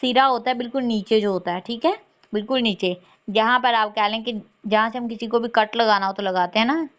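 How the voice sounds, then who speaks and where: A woman teaching Quran recitation rules patiently, saying words slowly and repeating them. She often checks in with "theek hai" and. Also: fairly high pitch, fairly even intonation. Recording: dull lo-fi sound.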